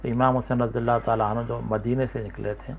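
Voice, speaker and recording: A man with a Hyderabadi Urdu accent giving a lecture on poetry, explaining slowly with many fillers and repetitions. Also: mid-range voice, flat delivery, gravelly, slight background noise. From India. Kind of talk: spoken lecture. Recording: tinny phone-like recording.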